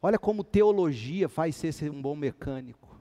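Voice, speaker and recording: A male pastor preaching a sermon with animated storytelling, acting out the dialogue in his stories. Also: fairly high pitch, normal speed.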